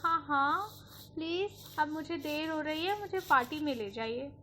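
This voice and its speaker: A woman's voice: sits high, normal speed, a bit bright, a little hiss or hum. A woman doing a whiny stubborn little girl. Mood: pleading. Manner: whiny, pleading child voice. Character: stubborn little girl who refuses everything.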